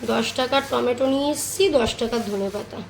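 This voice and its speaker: Woman from India, high pitch, casual kitchen vlogger talking viewers through her cooking. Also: steady tone, a little fast, gravelly, slight background noise, low-quality recording. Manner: chatty, narrates each kitchen task to viewers. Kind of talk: casual cooking vlog narration. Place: home kitchen.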